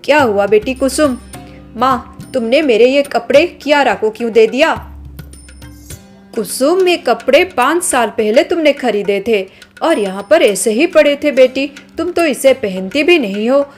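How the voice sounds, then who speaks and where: A woman voicing a kind middle-aged mother who gently chides her daughter, in a storybook drama. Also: high-pitched, expressive, measured pace, faint music behind. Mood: gently chiding. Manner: soothing, mildly chiding.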